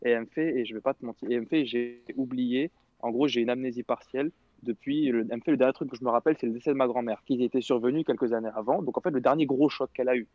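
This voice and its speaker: Young man, fast rambling storyteller, slangy, dry lo-fi sound. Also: mid-range voice, dry recording. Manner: rambling, slangy, quotes others. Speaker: radio show guest telling a story. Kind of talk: casual storytelling chat.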